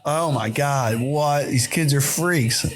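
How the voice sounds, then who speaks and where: A young man hosting a podcast, reacting to videos in a loose, excitable, profanity-heavy way and laughing often into his podcast mic. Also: a little high, takes it slowly, loud music behind the voice. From United States. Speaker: podcast host. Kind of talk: casual reaction commentary.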